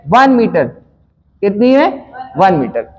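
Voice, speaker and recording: High-voiced man teaching physics problems. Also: very animated, slow, a little mellow, poor audio. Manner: conversational, asks students questions and answers them himself. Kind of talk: explaining a numerical problem to students.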